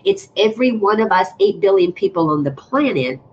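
A woman's voice: mid-range voice, animated, brisk. A woman speaking as a guest spiritual teacher in casual conversation, earnest and emphatic, talking in long flowing runs over a video call. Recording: muffled lo-fi audio with faint noise.

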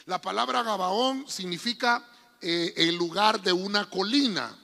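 High-voiced fervent pastor. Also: male voice, measured pace, vocal fry, pushed and bright. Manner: fervent, addresses the congregation directly. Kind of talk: sermon. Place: church hall. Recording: reverberant hall with faint music.

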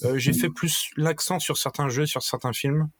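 A man's voice: fairly high pitch, fairly even intonation, moderate pace. A man hosting a casual podcast quiz with friends, joking around and explaining the game rules at length. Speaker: quiz host.

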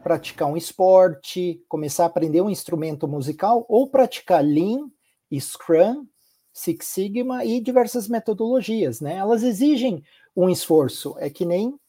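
High-voiced and dark-toned, this man from Curitiba talks unhurriedly with lively intonation and a southern Brazilian accent. Appearing on a podcast as a healthcare executive, he reflects thoughtfully and doubles up words to stress his points.

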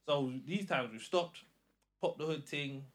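A man with a London roadman accent, casually telling an animated story in slang and acting out the dialogue. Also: on the high side, unhurried. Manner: slangy, acts out quoted dialogue.

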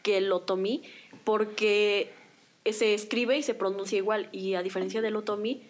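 A woman's voice: mid-range voice, steady tone, normal speed. A young woman with a Mexican Spanish accent, a student guest on a casual podcast, speaking tentatively. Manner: tentative, unsure.

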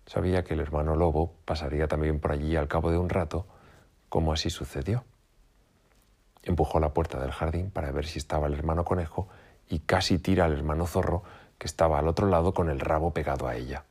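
Un hombre que lee un cuento infantil con narración tranquila y pausada. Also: male voice, rumbling low. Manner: calm, even narration. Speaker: storyteller. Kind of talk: children's story reading.

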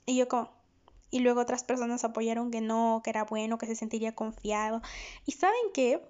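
A woman's voice: a little high, fairly even intonation, fairly quick, darkish tone, smooth. A woman psychologist hosting a podcast in a candid, chatty monologue, often laughing. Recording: dull lo-fi recording.

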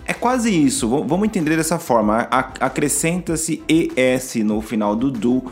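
A man's voice: mid-range voice, expressive, moderate pace, faint music behind. A man, an English teacher patiently explaining grammar on a podcast, often restarting his sentences.

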